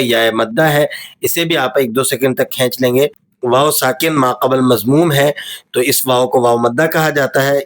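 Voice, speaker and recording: A man teaching Quran recitation, with a Pakistani Urdu accent, explaining the rules quickly and then reciting verses slowly and melodically. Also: mid-range voice, a bit bright. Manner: switches between quick explanation and slow, drawn-out melodic recitation. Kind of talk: tajweed lesson, explaining and reciting.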